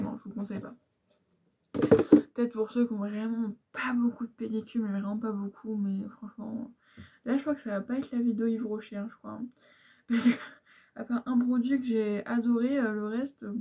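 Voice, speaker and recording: A woman's voice: mid-range voice, mellow. A young woman frankly chatting through beauty products she has used up, with lots of fillers and asides. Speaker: beauty vlogger. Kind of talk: casual product review chat.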